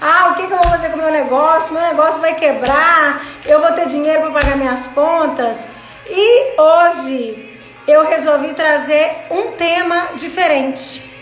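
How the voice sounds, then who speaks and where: A woman's voice: sits high, a little slow, a bit bright. A Brazilian woman hosting a casual live stream, greeting viewers by name and chatting in a home craft studio. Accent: Brazilian Portuguese. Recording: roomy studio with background music.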